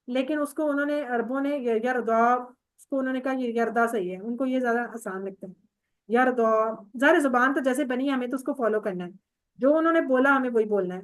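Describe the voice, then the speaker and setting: High-voiced woman teaching Arabic grammar. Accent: Pakistani Urdu. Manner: patient, drills verb forms and quizzes students by name. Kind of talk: online class teaching.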